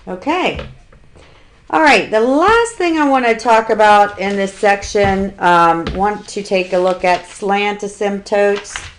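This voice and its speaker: A woman teaching a calculus lesson at an unhurried, deliberate pace. She walks through each step of the problem patiently and now and then drops a dry, sarcastic aside. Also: mid-range voice, slight background noise. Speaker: math instructor. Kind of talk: recorded calculus lecture.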